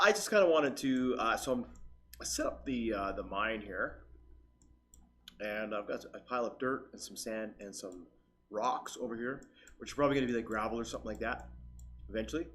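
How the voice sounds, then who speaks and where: A man talks through a screen-recorded coding tutorial, his voice worn from a cold. He rambles loosely, with ums and restarts, at a middling pitch. Faint noise and keyboard clicking sit behind him. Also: normal speed, a bit bright. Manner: rambling, filler-heavy, restarts sentences. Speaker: channel host, tutorial maker.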